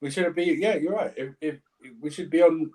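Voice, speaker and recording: A man on a football podcast panel, talking in an animated way, laughing and repeating himself as he makes his points. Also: fairly high pitch, fairly quick. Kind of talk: casual football chat.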